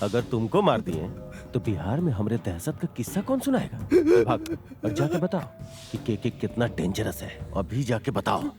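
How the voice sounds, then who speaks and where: A scary bihari gang boss, voice swings way up and down, film music under it. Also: male voice, mid-range voice, huge pitch swings, normal speed. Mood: menacing. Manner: menacing, threatening. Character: ruthless feared male gang boss KK. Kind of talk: Hindi film dub. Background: film score.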